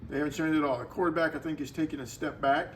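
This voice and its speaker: A man's voice: on the high side, fairly even intonation, slight background noise. Man rambling through his football picks. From Florida. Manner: rambling, halting, with restarts. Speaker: co-host. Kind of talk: casual chat.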